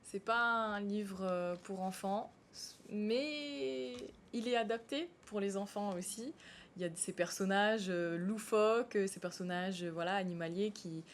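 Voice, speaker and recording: Woman actress being interviewed, lots of ums and restarts, middle pitch, a bit of hiss behind. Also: a little slow. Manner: hesitant, many fillers and restarts. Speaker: stage actress interviewed as guest. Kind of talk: live studio interview.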